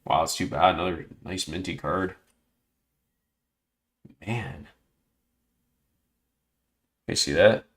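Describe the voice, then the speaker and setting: Lowish voiced guy on a livestream, chatty, mumbling to himself, little oohs and wows. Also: takes it slowly, long pauses, a bit bright. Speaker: host. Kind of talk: casual livestream chat while sorting cards.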